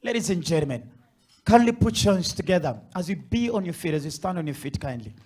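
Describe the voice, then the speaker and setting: A man's voice: high voice, sing-song, fast, a little mellow, husky. A man acting as master of ceremonies, energetically hyping up a live event crowd with repeated calls.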